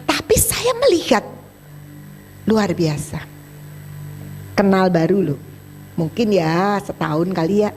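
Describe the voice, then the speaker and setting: Lively woman preacher telling a story. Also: mid-range voice, slow pace, long pauses, soft background music. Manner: animated, acts out both sides of dialogues in a chatty colloquial way. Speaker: evangelist preacher. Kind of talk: sermon with storytelling.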